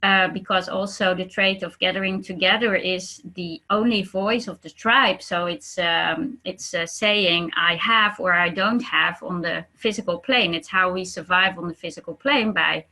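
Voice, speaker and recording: A woman's voice: fairly low pitch, steady tone, normal speed, hardly any pauses, sharp tone, rough recording. A woman, co-hosting and explaining ideas hesitantly, with many fillers. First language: Dutch. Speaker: co-host. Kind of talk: explaining a concept.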